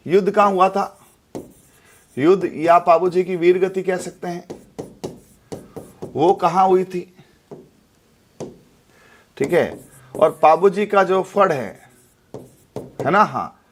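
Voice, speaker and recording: A man's voice: sits high, slight background noise. A young man, teaching an exam-prep class in a chatty way and often checking with his students. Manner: chatty, repeats tag questions like "theek hai". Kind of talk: live exam-prep lesson.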